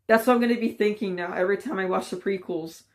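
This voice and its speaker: A woman's voice: medium pitch, fast. A woman vlogger giving a casual, rambling opinion rant, frustrated and full of fillers.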